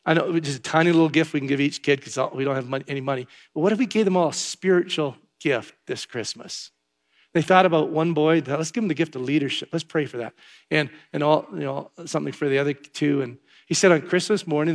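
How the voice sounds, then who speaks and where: An older man preaching a Christmas sermon, telling stories in a conversational way and repeating key phrases for emphasis. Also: on the high side. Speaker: pastor.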